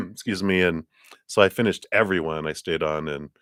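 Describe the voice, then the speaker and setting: A man hosts a live tarot-reading stream, chatting casually and rambling while reading cards, laughing often and fighting a tickle in his throat. His low, expressive voice moves at a measured pace with a fairly bright tone, over a little hiss or hum.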